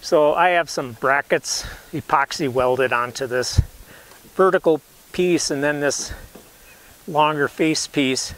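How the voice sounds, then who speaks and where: A man's voice: a little high, takes it slowly, fairly bright tone, rough recording. A man in his sixties giving a casual, rambling, self-correcting how-to demonstration outdoors on a lawn, recorded on a camera mic. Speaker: canoe builder showing his rig. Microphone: camera mic, sometimes far from camera.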